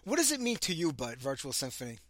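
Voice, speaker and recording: A man's voice: on the high side, wildly swooping pitch, fast talker, fairly bright tone, no echo. A man with a Brooklyn accent hosting a casual interview, bantering in a blunt, self-deprecating way. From Brooklyn, New York. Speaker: interview show host.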